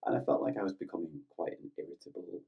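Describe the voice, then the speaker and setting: A man with a gentle, reflective, soft-spoken manner, leading a guided meditation. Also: low voice, quick pace, creaky, slightly rough, recorded from a distance. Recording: slightly dull lo-fi recording with faint music.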